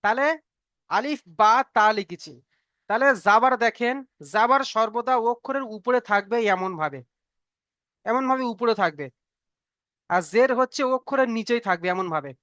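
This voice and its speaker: A Quran teacher leads an online Arabic reading lesson, patiently repeating each point and frequently asking whether the class understands. His voice is extremely high-pitched, pushed and bright, at a moderate pace with long pauses. The sound is clean, studio-quality, and free of room sound.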